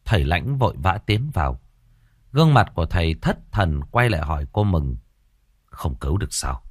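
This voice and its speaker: A man narrating a ghost story in an expressive, suspenseful style. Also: low voice, brisk, dry recording, studio quality.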